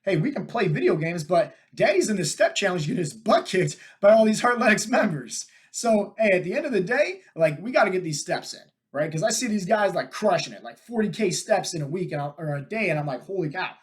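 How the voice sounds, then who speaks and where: High-voiced man, energetic podcast host. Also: fairly quick, few pauses. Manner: energetic, talks to listeners with frequent "right?" and "like" fillers. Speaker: podcast host and fitness coach. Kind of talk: casual storytelling monologue.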